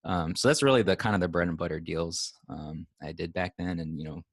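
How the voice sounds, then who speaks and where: A young man from Hawaii speaking as a podcast guest, relaxed and laid-back, with a lot of filler words. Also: low voice, fairly quick, husky, dry recording, clean studio sound. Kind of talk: casual conversation.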